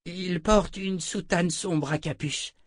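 A sniveling, fawning male killer in a storybook reading, voice pushed a bit higher than the reader's own, as a man reading aloud puts him on. He wheedles and grovels, zealous about his master. The sound is dry and close. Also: measured pace, no room sound.

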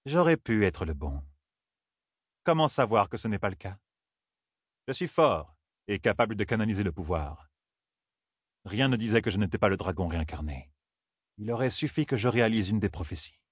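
A man voicing a proud, scheming male sorcerer in an audiobook, speaking in a measured, calculating way. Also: lowish voice, lively intonation, breathy edge, no room sound, clean studio sound. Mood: musing.

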